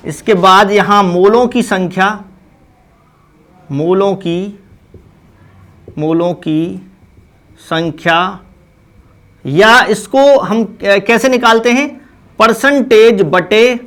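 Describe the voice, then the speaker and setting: Slow, high-voiced man teaching chemistry. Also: fairly bright tone. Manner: slow, step-by-step explaining with repeated check questions. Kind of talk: blackboard lesson.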